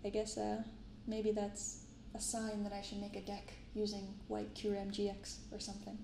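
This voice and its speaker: Speaking in a monotone at medium pitch, this YouTube card-opening host, a young adult woman, keeps her commentary soft and slow as she reads aloud and chats in a casual ASMR show-and-tell. The close binaural microphone picks up a roomy space with noticeable background noise.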